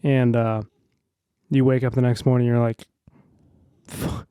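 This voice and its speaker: A young adult man chatting as a podcast guest, halting with lots of restarts and fillers. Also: mid-range voice, flat delivery, mellow, smooth, no room sound, clean studio sound. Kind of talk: casual chat.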